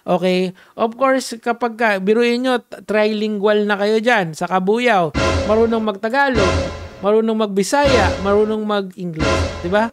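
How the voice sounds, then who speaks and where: A man giving casual commentary, chatty and full of fillers and restarts, switching back and forth between languages. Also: high-pitched. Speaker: commentary vlogger.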